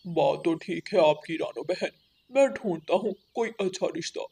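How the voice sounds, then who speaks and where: A woman voicing a mild-mannered male crow who is a husband and brother, in a lowered male voice. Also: animated, moderate pace, vocal fry, mellow, slight background noise. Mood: earnest.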